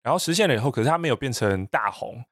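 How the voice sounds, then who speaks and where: A man's voice: medium pitch, expressive, racing, a bit bright, dry recording, studio quality. A man talking as a podcast guest in casual chat, thoughtful and a little hesitant, laughing now and then. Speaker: podcast guest, voice business founder.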